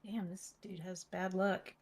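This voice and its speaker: A woman's voice: fairly low pitch, flat delivery, unhurried. A woman playing a tabletop game, talking in a casual, matter-of-fact way. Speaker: player.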